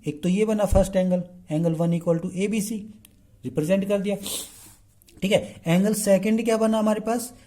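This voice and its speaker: A man's voice: high-pitched, steady tone, dark tone. A man teaching a math lesson. He mixes Hindi with English math terms, asks the class questions and answers them himself, and keeps checking in with the students. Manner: keeps checking in with the class by saying "okay" again and again; slow and drawn out while writing on the board. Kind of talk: explaining a lesson.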